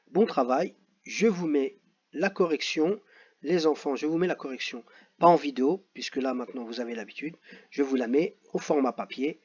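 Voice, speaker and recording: A man teaching young pupils, reading out exercises and saying each word slowly twice. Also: on the high side, a little mellow, breathy edge. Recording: dull lo-fi audio.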